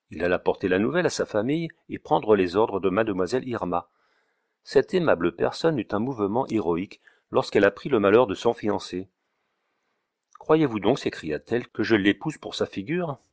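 A man narrating an audiobook story in a measured, even reading style. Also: fairly low pitch, dry recording, studio quality. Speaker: audiobook reader. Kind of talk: scripted narration.

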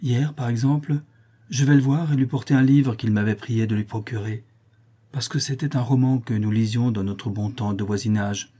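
Male reader doing a plaintive young Parisian working girl, mellow and husky. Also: fairly even intonation, moderate pace, close to an everyday voice. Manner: tender, plaintive, lifting into a higher voice. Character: young working Parisian woman, sweet and worried. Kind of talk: audiobook character reading.

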